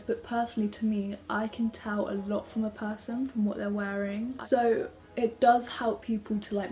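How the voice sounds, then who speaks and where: Chatty teenage girl, mellow voice. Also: a little high. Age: teens. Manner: chatty, rambling, filler-heavy, lightly sarcastic. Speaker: student vlogger. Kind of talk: casual sit-down chat to camera.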